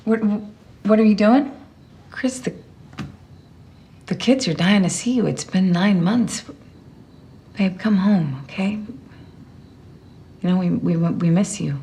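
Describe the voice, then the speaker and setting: An actress playing an anxious wife in a film drama, tender and pleading. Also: female voice, mid-range voice, slow, long pauses, mellow, slight background noise. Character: anxious, pleading wife missing her man.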